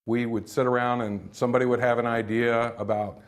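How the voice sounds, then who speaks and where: A man's voice: mid-range voice, little pitch movement, fairly quick. A man, a game developer, recalling his studio days in a rambling, conversational interview. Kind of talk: interview recollection.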